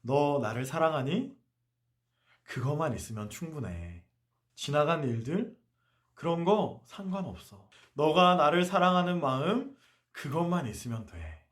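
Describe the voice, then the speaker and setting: A man's voice: a little high, big pitch swings, measured pace, fairly bright tone. A man voicing Jesus, asking direct questions. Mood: tender. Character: Jesus, grown male teacher speaking to disciples.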